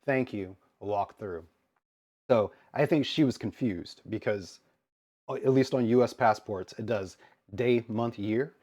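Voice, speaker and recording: Low-voiced American man telling a story. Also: measured pace. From United States. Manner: animated, exasperated retelling with quoted dialogue. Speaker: streamer. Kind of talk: casual storytelling to chat.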